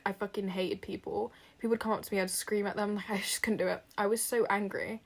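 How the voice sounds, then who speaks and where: A woman's voice: medium pitch, creaky. A young woman giving frank, casual advice in a chatty vlog, full of fillers and swearing.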